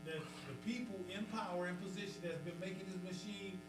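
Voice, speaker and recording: A man's voice: high voice, steady tone, fairly quick, very noisy. A man in a casual group argument, insistent and sweary, restarting his points to be heard. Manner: insistent, sweary, repeats himself.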